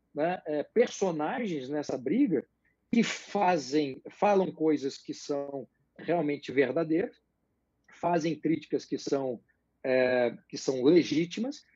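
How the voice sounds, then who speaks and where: A man explaining political ideas as a guest in a live interview, measured and hesitant, with many fillers. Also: fairly high pitch, expressive, mellow, slightly rough, dry recording, lo-fi sound.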